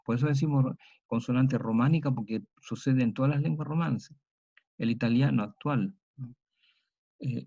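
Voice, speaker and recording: A man teaches in a slow, methodical way, spelling out each sound and example. His voice is dark and gravelly. The recording is dull and lo-fi. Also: medium pitch. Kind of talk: historical grammar lecture.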